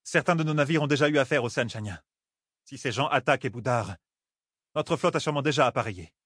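A man's voice: medium pitch, quick pace, a bit bright, no room sound, studio quality, voice pushed up, lightly acted. A man voicing a proud woman sea captain, brusque and urgent.

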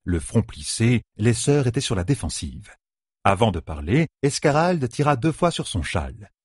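A man narrating a fantasy novel as a measured audiobook reader. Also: mid-range voice, very animated, slightly rough, no room sound, clean studio sound. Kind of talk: scripted narration.

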